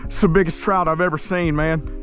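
A man in his thirties talks excitedly while fighting fish from a kayak, exclaiming over and over. His voice sits a little high and carries outdoors on an action camera. Faint music plays underneath. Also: fairly quick. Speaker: fishing video host. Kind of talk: excited fishing vlog commentary. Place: kayak on open water outdoors.

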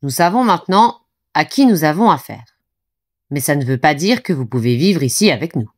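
Lady doing a snooty storybook elephant, stuffy and haughty, kinda breathy. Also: low voice, expressive, moderate pace. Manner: stiff and condescending. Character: pompous bow-tied male elephant, haughty.

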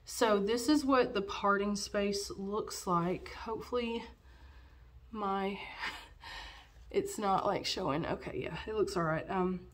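In a dim room at home, a young woman films a laid-back wig review on a camera facing her. She has a cold that makes her a little nasal, and her medium-pitched voice moves slowly, full of fillers.

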